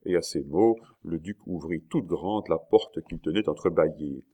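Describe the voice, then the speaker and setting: A man with a very low, deep voice narrates a classic novel for an audiobook. His delivery is measured and even, with steady storytelling pacing. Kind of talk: scripted narration of a historical novel.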